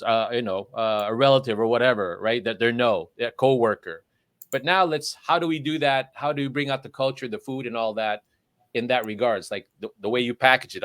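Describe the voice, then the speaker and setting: Halting, rambling male interview host. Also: mid-range voice, fairly bright tone, no room sound. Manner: rambling, halting questions with many restarts. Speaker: livestream show host. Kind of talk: casual interview conversation. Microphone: livestream call microphone.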